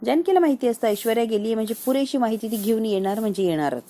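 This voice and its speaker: Woman serial reviewer, casual dramatic recap narration, warm mellow voice. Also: on the high side, rapid-fire. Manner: lively, dramatic retelling.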